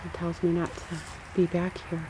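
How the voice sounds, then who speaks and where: A middle-aged woman who drives rideshare and vlogs chats off the cuff, musing aloud with a sense of wonder. Her fairly low voice is delivered completely flat at a normal speed. She records on a handheld camera in a moving car with the windows down and later in an open barn, so the audio is noisy with car and wind sounds.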